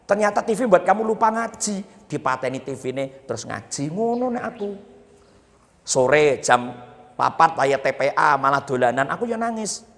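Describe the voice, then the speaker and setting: A man's voice: sits high, gravelly, fairly bright tone, in a large hall. A man with a Javanese accent giving a humorous Islamic sermon at a boarding school, teasing the audience as he preaches. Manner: jokey, teasing the audience, mixing Javanese and Indonesian.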